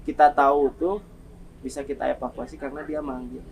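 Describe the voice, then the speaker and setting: Gravelly-voiced man telling earnest stories. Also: mid-range voice, flat delivery, low-quality recording. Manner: earnest, measured, with many hesitations. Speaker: ambulance driver and relief volunteer. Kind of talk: telling stories in a podcast interview.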